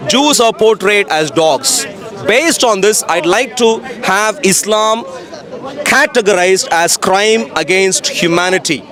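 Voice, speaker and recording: A man's voice: high voice, takes it slowly. A man working as a street preacher, insistently reciting and arguing over scripture in public, repeating his phrases. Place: outdoors in a busy urban public spot. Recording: busy outdoor crowd noise.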